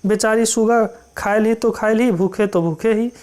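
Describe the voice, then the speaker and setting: A teacher walks through a folk tale line by line. The dialect phrases come out slow and deliberate, and each one is followed by a plain, filler-heavy explanation for exam students. The pitch sits in an ordinary middle range. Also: steady tone, a little mellow. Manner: reads dialect lines slowly, then explains them in plain words with many fillers.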